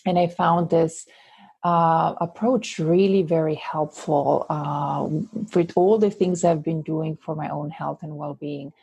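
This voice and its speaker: A woman's voice: sits low, fairly even intonation, slow pace, gravelly, warm tone, breathy edge, no echo. A woman from Switzerland with a Swiss Italian accent, a guest coach in an interview, talking thoughtfully with many fillers and restarts. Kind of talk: interview conversation.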